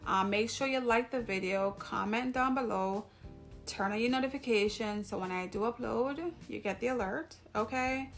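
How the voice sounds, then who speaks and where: A woman from Jamaica speaks to her YouTube audience in a Jamaican accent, chatty and rambling and prone to interrupting herself. Her pitch is fairly high at a normal speed, and faint music plays behind her.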